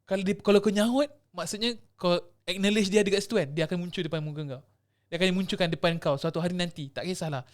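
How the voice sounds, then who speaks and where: A young man tells ghost stories on a casual podcast. His voice sits high and rushes along, and he acts out the voices in his tale. He slips English words into his speech. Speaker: podcast co-host. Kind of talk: casual chat, ghost storytelling.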